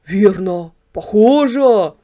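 A woman's voice: mid-range voice, animated, unhurried, mellow. A woman voicing a naive, simple male yard dog who keeps asking puzzled questions, read as a storybook character. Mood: excited.

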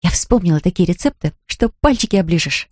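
A lively nanny in a storybook reading, voiced by the woman reading, in a dry, close recording. She talks in quick, exclaiming bursts. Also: fairly low pitch, dry recording.

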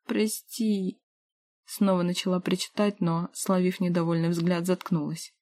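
A woman narrating a first-person novel as an audiobook, expressive and voicing the heroine's dialogue. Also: on the low side, normal speed, no room sound, studio quality.

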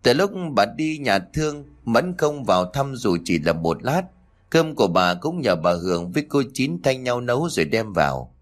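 A man narrating a story in a steady, matter-of-fact way. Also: mid-range voice, moderate pace. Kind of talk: scripted narration.

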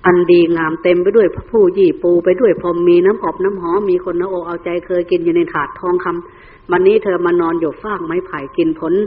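A man voicing a gentle royal male hermit who calmly reassures his wife. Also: high voice, fairly quick, in a large hall, lightly acted. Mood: soothing. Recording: tinny phone-like recording.

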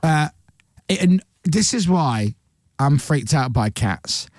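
A man hosting breakfast radio jokes and tells stories in a high, swooping voice. He speaks into a studio microphone, and the sound is dry and close. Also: slow, no room sound. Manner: animated, joking storyteller. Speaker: radio host.

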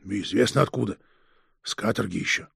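Male reader as a sullen, scared peasant convict; gravelly, husky mumble in a storybook. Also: lowish voice, a little fast, a bit bright, no room sound, studio quality, pitched below the performer's own voice, exaggerated voice. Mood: muttering. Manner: muttering, grumbling, sometimes whispering. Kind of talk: audiobook character reading.

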